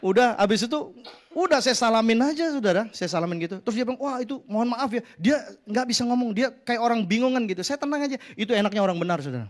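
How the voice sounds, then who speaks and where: High-voiced man preaching animatedly. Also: fast talker. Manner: animated storytelling with joking asides; addresses congregation often as "saudara". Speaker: pastor. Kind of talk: sermon.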